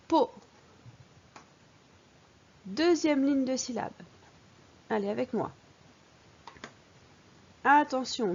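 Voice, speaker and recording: Woman, primary teacher, very slow, patient, husky edge, dull recording. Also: medium pitch, darkish tone. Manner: patient, sounding out syllables clearly. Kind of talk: slow reading lesson for young children.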